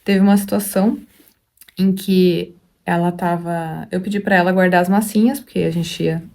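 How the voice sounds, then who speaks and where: A woman's voice: lowish voice, fairly even intonation, normal speed, creaky, darkish tone. A woman who is a mother and hosts a spiritual study channel, thinking aloud in a casual reflective teaching talk, rambling with many fillers and restarts. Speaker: mother of a young daughter.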